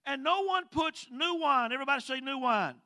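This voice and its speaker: An expressive, very high male voice with a sharp tone leads a sermon in a Southern US Mississippi accent. He reads scripture in a drawn-out, emphatic way and calls for congregational responses.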